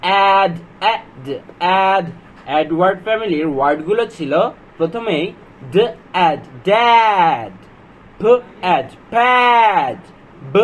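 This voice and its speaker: A man with a fairly high voice gently coaxes young children through a phonics lesson. He speaks at an unhurried pace and stretches out each sound, syllable by syllable. A faint hiss sits under his voice. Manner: sounds out words slowly, syllable by syllable. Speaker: teacher.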